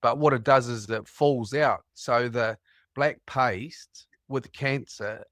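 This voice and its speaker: The caller is a man from New Zealand with a matching accent, taking his time in a medium-pitched, slightly bright voice. In a casual chat he tells meandering anecdotes with laughter, and the recording is dry and studio quality.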